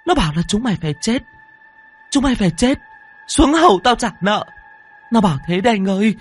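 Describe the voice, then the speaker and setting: Casting: a man playing a shrieking young woman in panic, high raspy voice, horror audiobook. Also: animated, brisk, faint music behind, heavily acted. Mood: frightened pleading. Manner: screaming, pleading, sobbing. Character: terrified young woman patient, hysterical. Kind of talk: audiobook narration.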